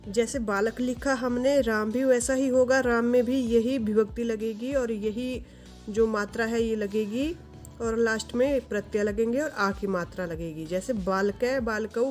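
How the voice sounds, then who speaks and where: A woman teaching a grammar lesson to viewers, reciting word forms in slow, steady lists. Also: a little high.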